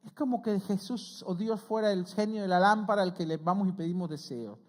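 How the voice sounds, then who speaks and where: A middle-aged man, a pastor preaching a conversational sermon who often checks in with his listeners and rises in pitch and volume when he quotes scripture. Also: a little fast. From Argentina. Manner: earnest, conversational preaching with frequent "¿sí?" check-ins.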